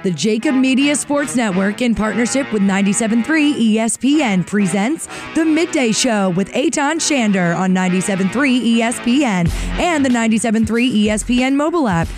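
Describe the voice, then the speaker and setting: A woman's voice: a little high, lively intonation, a little fast, music in the background. A woman reading a scripted show introduction as a radio station announcer.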